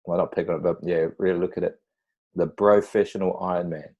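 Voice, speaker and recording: A man's voice: deep voice, steady tone, fast, phone-quality sound. A man with a New Zealand accent hosting a casual interview, asking informal, rambling questions in a matey way. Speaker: podcast host, interviewer. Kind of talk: casual chat.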